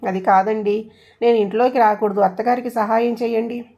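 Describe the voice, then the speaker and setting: A woman's voice: on the high side, steady tone, brisk, vocal fry, warm tone. A woman voicing a busy wife and working mother who speaks with urgent pleading.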